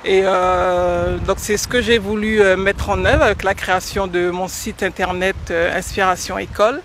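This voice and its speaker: A woman from French Guiana in her forties, answering radio interview questions about teaching with hesitant pauses and many fillers. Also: medium pitch, fairly even intonation, slight background noise. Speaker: guest, educator.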